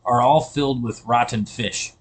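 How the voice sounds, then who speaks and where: A man's voice: medium pitch, steady tone, normal speed, crowd noise. Man running a tabletop game. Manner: descriptive, with fillers and self-corrections. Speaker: dungeon master. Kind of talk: narrating an online tabletop game.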